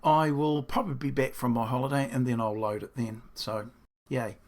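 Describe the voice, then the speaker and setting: Walking through his design at normal speed, this builder has a croaky, hoarse mid-range voice and a steady tone. The video is casual and diary-style, and he rambles self-deprecatingly while thinking aloud.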